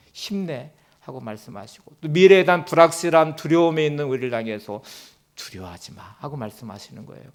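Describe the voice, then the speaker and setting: A middle-aged man preaches from the pulpit with a slightly raised voice. His delivery is earnest and pleading, and it softens to a hush whenever he offers words of comfort. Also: on the high side. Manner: earnest, gentle and pleading, dropping to a soft hush for quoted comfort. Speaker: pastor. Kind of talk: sermon.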